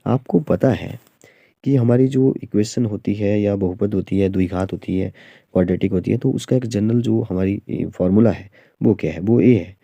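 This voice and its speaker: A man's voice: lowish voice, vocal fry, warm tone, no echo, muffled recording. A man teaching a maths exam-prep lesson, explaining step by step with frequent fillers and checks like "okay". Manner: explains slowly with many fillers and "theek hai".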